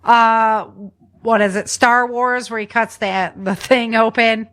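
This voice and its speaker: Slight background noise sits behind a woman podcast host whose fairly high voice is steady and a bit bright. She speaks slowly, giving informal survival instruction from notes and often tossing in a "right?"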